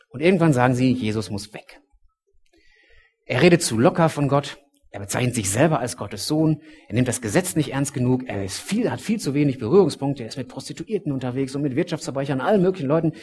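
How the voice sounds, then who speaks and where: A man preaching a sermon, telling a story with dramatic swings between loud and hushed speech. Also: mid-range voice.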